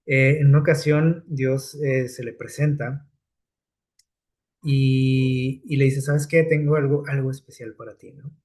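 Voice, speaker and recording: A man's voice: mid-range voice, steady tone, a little slow, darkish tone. A man preaching a sermon in a conversational way, often checking in with "¿sí?" and "¿no?", with hesitant fillers and repeated words. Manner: conversational preaching with frequent rhetorical "¿sí?" and "¿no?".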